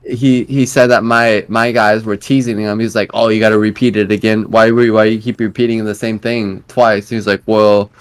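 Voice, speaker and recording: A man's voice: on the low side, level tone, normal speed, hardly any pauses, clean tone. Rambling twenty-something man on voice chat. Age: 20s. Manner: rambling, many fillers and restarts. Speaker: guild leader. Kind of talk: casual voice chat.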